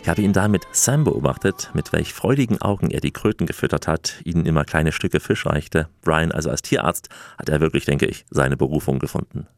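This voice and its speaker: A man reading a scripted documentary voice-over in a calm, measured way. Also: a bass voice, creaky, no room sound. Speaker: voice-over narrator and dubbing voice.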